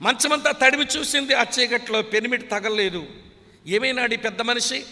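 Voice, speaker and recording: A man's voice: very high voice, normal speed, sharp tone, long reverb tail. A man from Srikakulam preaching a sermon in an impassioned way, repeatedly urging his listeners to listen. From Srikakulam, India.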